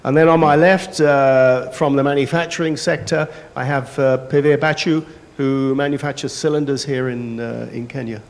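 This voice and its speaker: A man moderates a conference panel on a handheld mic. His mid-pitched voice stays relaxed and conversational with frequent pauses, and the large hall adds a long reverb. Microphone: handheld microphone.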